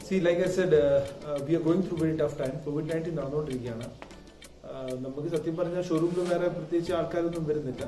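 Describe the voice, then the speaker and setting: A man's voice: fairly high pitch, normal speed, warm tone. A man with a Malayali accent presenting a casual vlog, switching mid-sentence between Malayalam and English. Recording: roomy, distant mic with music behind.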